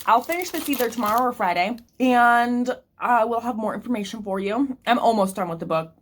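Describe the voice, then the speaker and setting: A woman's voice: on the high side, fairly quick, a little hiss or hum. Chatty woman book vlogger, snacking. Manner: chatty, thinking aloud with restarts; eating snacks while talking. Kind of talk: casual chat to camera.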